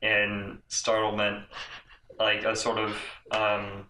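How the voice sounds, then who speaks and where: A hesitant man fumbling through his turn in a tabletop game, stammering and restarting often. His voice is bright and a little low. The room sounds echoey, with a faint hiss behind him. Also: completely flat delivery, slow, distant mic. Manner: hesitant, stammering, self-amused. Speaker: player. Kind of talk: casual tabletop game play.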